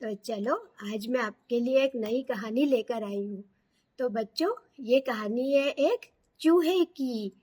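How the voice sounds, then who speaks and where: Woman, children's storyteller, high voice, unhurried, asks kids questions. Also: mellow, breathy edge. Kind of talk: bedtime story narration.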